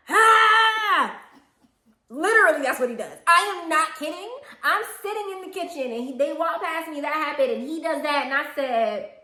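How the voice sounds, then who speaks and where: Woman, casual storytime, animated, swooping pitch, echoey room. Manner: animated, laughing, acts out quoted voices. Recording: roomy echo.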